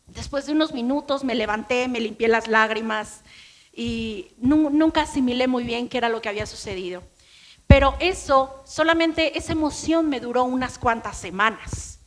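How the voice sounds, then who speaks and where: A middle-aged woman pastor with a Mexican accent, preaching a sermon in a chatty storytelling way and acting out her own past words. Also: high-pitched. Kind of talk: sermon with personal testimony.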